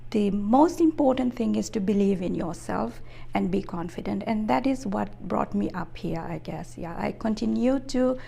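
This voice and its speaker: Woman, 50s, from Fiji; gravelly, measured, hesitant interview answers. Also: mid-range voice, animated, warm tone. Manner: measured, thoughtful, many hesitations. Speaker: interview guest, business executive.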